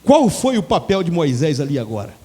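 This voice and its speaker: A man with a Brazilian Portuguese accent preaching a sermon, animated and acting out biblical dialogue. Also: on the high side, a little fast, husky, big-room sound.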